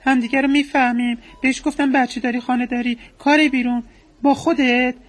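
A whiny, clueless wife, as an actress plays her who lists her complaints to a counselor. She talks in a very high voice. She sounds naive and self-absorbed throughout. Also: steady tone, close to an everyday voice. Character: clueless, self-centered married woman patient. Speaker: patient at a counseling session. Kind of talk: comedy sketch acting.

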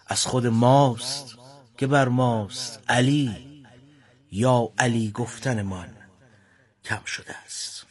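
A male program host who recites a poem in a measured, formal way and then introduces a recorded sermon to listeners. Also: medium pitch, darkish tone, husky.

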